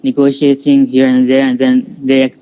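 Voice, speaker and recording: A man's voice: medium pitch, monotone, mellow, clear, resonant tone, rough recording. A young man in his twenties from Indonesia, a student guest telling his story in a casual interview, with many fillers and restarts. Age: 20s. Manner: halting, frequent fillers and restarts. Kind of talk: casual interview over a live stream.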